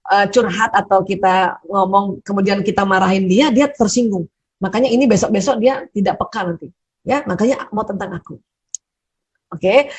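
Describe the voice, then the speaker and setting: A woman speaker answering audience questions in a gentle, conversational advice talk, often repeating words and adding little tag words. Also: medium pitch, slightly rough.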